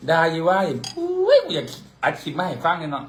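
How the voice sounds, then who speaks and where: A man's voice: on the high side, wildly swooping pitch, fast talker, slight background noise. A man with an Isan Thai accent, chatting casually with his partner and teasing him in a playful, bickering way. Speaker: vlogger. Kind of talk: casual couple chat.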